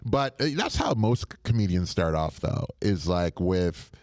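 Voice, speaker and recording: A man's voice: low-pitched, big pitch swings, measured pace, darkish tone, dry recording. A man who is a comedian, chatting casually as a podcast guest with a joking, playfully boastful manner, recorded in a studio. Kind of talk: casual podcast interview chat.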